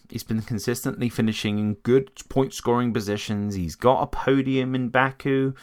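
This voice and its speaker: A man's voice: mid-range voice, fairly bright tone. A man giving casual, opinionated commentary on racing drivers, talking conversationally with frequent restarts. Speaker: motorsport commentator.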